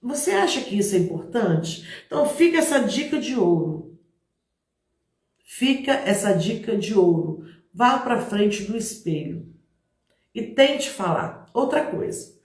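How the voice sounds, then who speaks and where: A middle-aged Brazilian woman preaching to a congregation in a lively way, acting out little examples and talking right to her listeners. Her voice sits at an ordinary middle pitch. The recording echoes around a roomy space. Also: unhurried. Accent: Brazilian Portuguese. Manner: lively, acts out examples, speaks straight to listeners. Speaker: missionary preacher. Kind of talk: motivational church talk to a congregation.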